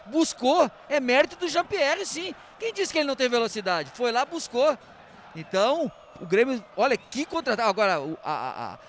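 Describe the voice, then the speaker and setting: A man analyses live football in a casual, emphatic way. He is high-pitched and swoops around animatedly, with slight noise in the background. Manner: colloquial, emphatic, repeating words. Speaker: football pundit.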